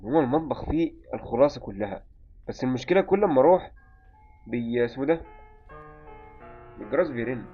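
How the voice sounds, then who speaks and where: A man's voice: medium pitch, slightly rough. A man with an Egyptian accent commenting as he plays a game, muttering to himself and yelping when startled. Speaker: gaming channel host. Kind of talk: live let's-play commentary. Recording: muffled lo-fi recording with faint game music.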